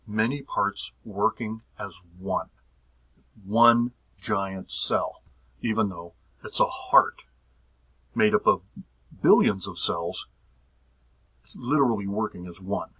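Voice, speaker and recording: A man teaching a recorded physiology lecture, repeating phrases, checking that his listeners follow, and drawing out key terms slowly. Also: fairly low pitch, pushed and bright, husky, low-quality recording. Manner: repetitive, checks understanding with the audience.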